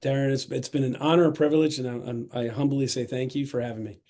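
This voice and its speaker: A middle-aged man talking as a podcast guest in a casual, energetic and enthusiastic way, often restarting his sentences. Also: mid-range voice, quick pace. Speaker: podcast guest, self-storage investor. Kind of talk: casual interview talk.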